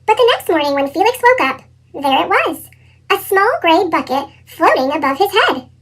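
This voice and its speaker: A woman reading a children's storybook aloud in an animated style, her voice sped up with a chipmunk effect. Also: moderate pace. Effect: sped-up chipmunk pitch shift. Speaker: storybook reader.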